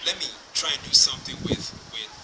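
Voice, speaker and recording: A young man speaks in an interview, his answers halting and full of fillers and restarts. His voice sits at an ordinary middle pitch. A clear hiss of noise runs under the recording. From Liberia. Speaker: musician guest. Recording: noisy background.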